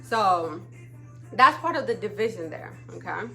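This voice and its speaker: A woman's voice: mid-range voice, animated, a little slow, creaky, fairly bright tone, faint music behind. A woman from Ethiopia, hosting a casual live stream and often checking in with her viewers. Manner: chatty, often checks in with "okay?". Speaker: livestream talk show host.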